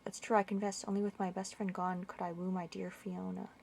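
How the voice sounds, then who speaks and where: A guilt-ridden older magistrate from a game, read aloud by a woman. The lines come out plainly, like text read off the screen, with a gravelly edge at mid pitch. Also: flat delivery, brisk, darkish tone, a little hiss or hum, lightly acted.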